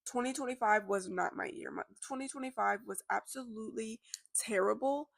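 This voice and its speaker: A woman's voice: fairly high pitch, a little fast, gravelly, dry recording, studio quality. A woman talking candidly in a sit-down vlog, reflective and rambling, sounding congested with slightly slurred words, recorded indoors at home. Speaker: vlogger. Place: indoors at a relative's house.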